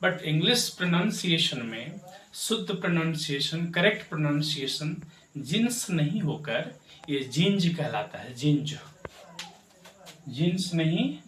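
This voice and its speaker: In an echoey room, a man speaks from off mic with a slightly high, fairly bright, expressive voice at an unhurried pace, with a little hiss or hum. He teaches English pronunciation, spelling words letter by letter and repeating the correct form. He addresses viewers directly, asking them to follow along and checking in with rhetorical questions.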